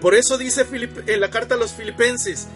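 A man's voice: very high-pitched, brisk, faint music behind. A man preaching a sermon, speaking straight to his listeners, repeating phrases for emphasis and calling for an amen. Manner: calls for amen from the congregation.

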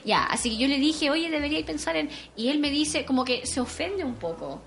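A woman hosting a podcast, telling a story in animated casual chat and mixing in English words. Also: high voice, moderate pace, faint music behind. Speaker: podcast host.

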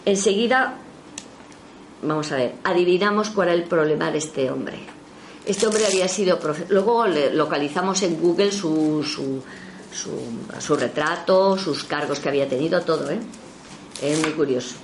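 A woman telling a spiritualist story in a casual spoken anecdote, her voice leaping in pitch when she quotes others. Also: moderate pace, a little hiss or hum. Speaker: storyteller recounting a spiritualist session.

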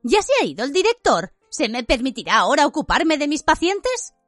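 A woman voicing a shrill bossy school nurse. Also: sing-song, a little fast, no echo, clean studio sound, faint music behind. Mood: irritated. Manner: indignant, bossy scolding. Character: shrill stern older female school nurse.

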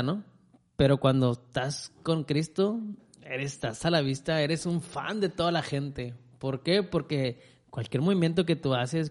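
A man co-hosting a casual faith chat, explaining with plain examples. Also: mid-range voice. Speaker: co-host, former footballer.

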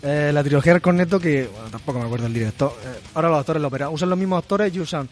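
A man's voice: a little high, a little hiss or hum. A man in casual chat, grumbling and swearing about comics and films. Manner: quick, grumbling, profane.

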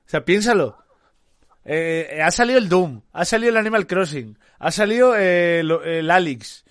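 Animated man, dry close mic. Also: sits high, moderate pace, no echo. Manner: animated, laughs often, mimics others. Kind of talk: casual chat.

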